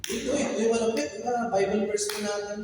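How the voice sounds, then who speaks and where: Animated preacher man in echoey hall. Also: sits high, fast, background noise. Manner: animated, switching between Tagalog and English, urging the congregation to respond. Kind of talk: sermon. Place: church hall. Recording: echoey hall, picked up from a distance.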